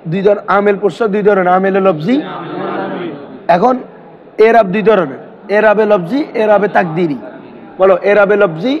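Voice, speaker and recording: Male teacher, high-pitched, drills students with questions in a lesson; muffled low-fi recording. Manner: quizzing students with constant questions. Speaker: madrasa teacher. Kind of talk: classroom grammar lesson. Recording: dull lo-fi recording.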